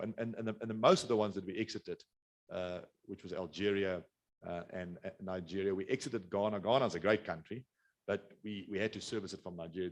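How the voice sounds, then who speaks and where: South african guy giving a webinar talk, deep voice, talks fast, keeps restarting and rambling. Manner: rambling, many restarts and fillers. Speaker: business speaker. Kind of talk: webinar presentation.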